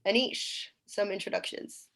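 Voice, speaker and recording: A woman's voice: a little slow, a bit bright. A woman opening an online panel with brief, businesslike announcements. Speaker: event host. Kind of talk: event introduction.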